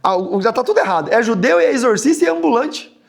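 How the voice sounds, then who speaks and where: A pastor teaches scripture with lots of humor, his voice swinging widely up and down. There's a gravelly edge to his voice as he jokes and jumps into high, mocking tones. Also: big pitch swings, fast talker. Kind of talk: humorous Bible study teaching.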